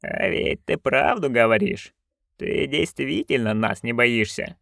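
A man voicing a stern old witch in an audiobook, talking in a quiet, clipped, dry way. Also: medium pitch, animated, a little slow, creaky, no room sound. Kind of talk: audiobook character voice.

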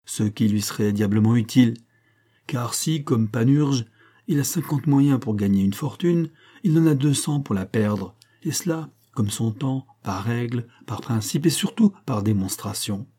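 A man reading as a painter giving calm, confiding advice. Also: medium pitch, measured pace. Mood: amused. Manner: confiding, gently advising. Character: Parisian painter, older friend, measured and warm.

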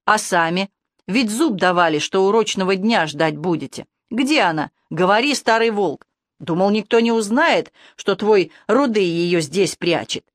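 A woman's voice: medium pitch, lively intonation, measured pace, dry recording, close to an everyday voice. Insolent young falcon-shifter lad, captive but defiant, mocking tone, as a woman reads him, dry audio. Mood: sneering. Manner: sneering, defiant.

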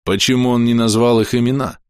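Man playing cold calculating man, measured, clipped, dry sound. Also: fairly low pitch, no room sound, natural voice.

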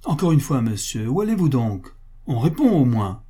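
A man's voice: mid-range voice, moderate pace, warm tone, lightly acted. A man voicing a flustered palace porter in a storybook reading, calling out insistently. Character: flustered middle-aged male palace porter.

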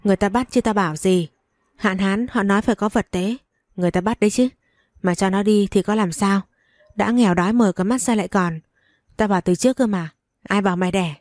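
A spiteful old grandmother, put on by a woman narrator, scornful and loud with insults. Her tone stays mellow and dark, recorded dry and close. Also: mid-range voice, fairly quick, no room sound, lightly acted. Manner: scornful, yelling.

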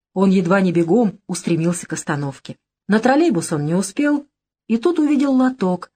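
A woman narrating an audiobook in a calm, even storytelling manner. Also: fairly low pitch. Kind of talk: scripted narration.

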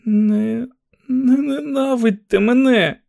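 A man's voice: slow, gravelly, darkish tone, no room sound, studio quality, heavily acted. A man reading an audiobook voices a hysterical, unstable young male walker who whines and sobs. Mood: pleading, sobbing. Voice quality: shrill, sobbing, whining. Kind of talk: audiobook character voice.

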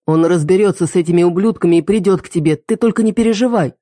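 Lady doing a shaky protective guy in a story, urgent, dark mellow tone, dry. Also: fairly low pitch, fast talker, dry recording, lightly acted. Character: young man, protective and shaken.

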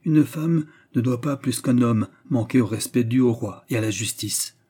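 A man's voice: medium pitch, mellow, slightly rough, natural voice. A man voicing a grave, formal court clerk. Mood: solemn. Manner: formal, measured and solemn.

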